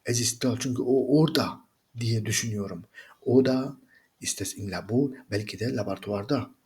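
Man reading German slowly, translating briskly. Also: mid-range voice, darkish tone. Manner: reads German slowly, then translates in quick conversational asides. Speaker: German teacher. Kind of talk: reading a German reader aloud and translating line by line.

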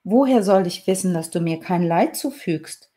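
A woman's voice: lowish voice, lively intonation, normal speed, mellow, close to an everyday voice. A woman voicing a bold, stubborn young woman who asks questions and insists on going into the woods. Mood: defiant.

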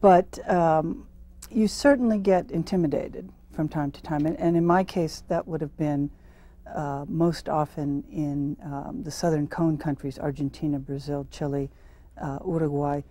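A middle-aged woman journalist on a studio panel, recounting her reporting experiences thoughtfully, with frequent pauses and fillers. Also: low-pitched, steady tone, warm tone, dry recording. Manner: thoughtful, hesitant with many fillers. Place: TV studio with audience.

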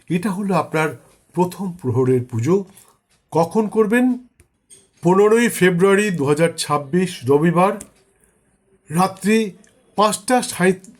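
A man talks through a ritual step by step in a husky voice that sits high and moves a lot. Between explanations he chants mantras slowly and solemnly. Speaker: astrologer teaching puja rituals. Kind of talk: spoken ritual instruction.

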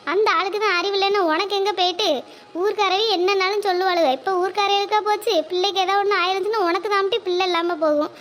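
A woman's voice: very high voice, fairly even intonation, fast talker, a bit bright. A woman voicing a fretful, kind older village woman in a cartoon, speaking in a worried, scolding, motherly manner. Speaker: cartoon character. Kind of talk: cartoon voice acting.

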